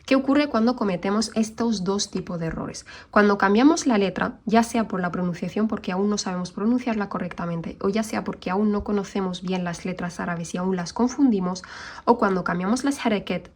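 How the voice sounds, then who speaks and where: Patient woman teaching recitation sounds. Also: medium pitch. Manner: patient, explanatory, models Arabic sounds slowly. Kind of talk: online lesson.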